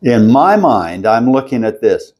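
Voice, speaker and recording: An older man telling his story as an interview guest at a convention, slow and halting, often stopping to clear his throat. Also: medium pitch, big pitch swings, darkish tone. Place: convention floor.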